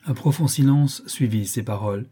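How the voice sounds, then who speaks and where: A male audiobook narrator reads a classic novel at an even, measured pace. His voice is mellow and darkly toned, with a husky, slightly breathy edge. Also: mid-range voice. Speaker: audiobook reader.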